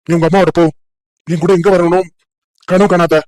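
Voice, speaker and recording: A woman putting on a gruff, curt young village man. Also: lowish voice, level tone, very fast, no room sound, voice pushed down, natural voice. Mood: irritated. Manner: scolding, dismissive.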